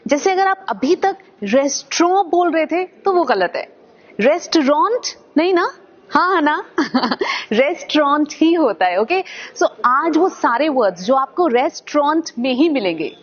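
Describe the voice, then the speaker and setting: A woman's voice: sits high, lively intonation, a little slow, muffled recording. An Indian woman teaching pronunciation in a playful, chatty way, spelling words out letter by letter. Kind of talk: casual teaching lesson.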